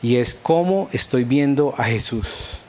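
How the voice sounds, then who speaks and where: A pastor with a Colombian accent preaches a sermon, telling a personal story and acting out his own past prayers with earnest feeling. His mid-range voice has lively intonation and a slightly slow pace.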